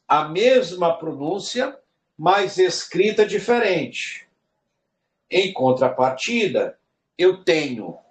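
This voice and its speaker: Slow, repetitive man teaching a lesson. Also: fairly high pitch. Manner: slow, repeats words while explaining. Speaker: Hebrew teacher. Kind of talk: recorded online lesson.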